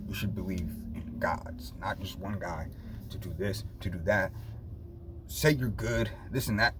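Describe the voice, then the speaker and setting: Sitting low and unhurried, a man's voice rambles through a casual vlog chat, frequently saying the same things again. Background noise is noticeable in the recording.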